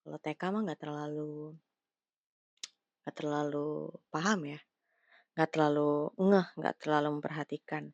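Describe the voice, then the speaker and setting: A woman's voice: low-pitched, steady tone, moderate pace, long pauses, a little mellow, dry recording, dull audio. A young woman, talking casually about her life, with lots of fillers and restarts. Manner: slangy Jakarta-style chat with many fillers. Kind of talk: casual personal talk.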